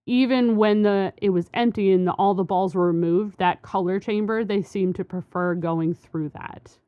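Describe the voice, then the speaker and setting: A woman's voice: medium pitch, fairly even intonation, moderate pace, smooth, dry recording, phone-quality sound. A woman co-hosting a podcast, explaining a science study in a rambling, casual way with many fillers and restarts. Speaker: podcast co-host.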